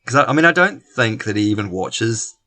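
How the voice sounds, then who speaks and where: Male podcast host, mild Kiwi accent, lowish pitch, casual joking delivery that pauses and gropes for words. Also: big pitch swings, bright, forceful tone. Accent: New Zealand, not strong. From New Zealand.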